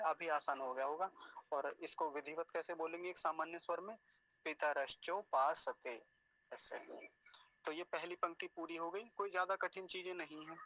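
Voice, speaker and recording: Man slowly teaching Sanskrit pronunciation. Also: a little high, sharp tone, poor audio. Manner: slow syllable-by-syllable demonstration. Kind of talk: recitation lesson.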